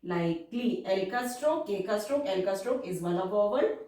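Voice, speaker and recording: An Indian woman teaching shorthand, dictating words slowly and then explaining each outline step by step. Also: mid-range voice, animated, warm tone. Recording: echoey room, voice far from mic.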